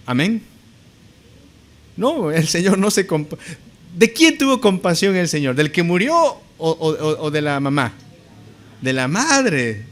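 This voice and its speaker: Animated, emphatic male preacher. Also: fairly high pitch, a little slow, long pauses. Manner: emphatic, asks the congregation rhetorical questions; addresses listeners as brothers. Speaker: pastor. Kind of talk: sermon.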